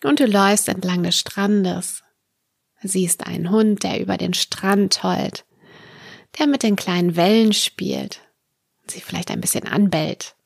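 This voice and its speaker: A woman narrates a guided meditation at a slow, unhurried pace, placing short soothing phrases between pauses. Her mid-pitched voice has a creaky edge and gentle delivery, recorded dry and close without room sound. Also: fairly even intonation, no echo. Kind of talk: guided meditation, a calm narrated dream journey.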